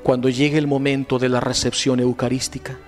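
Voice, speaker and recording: A man's voice: mid-range voice, flat delivery, fairly quick. A man preaching a fervent retreat sermon with rising, emphatic exclamations. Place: retreat hall. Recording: echoey hall with faint music.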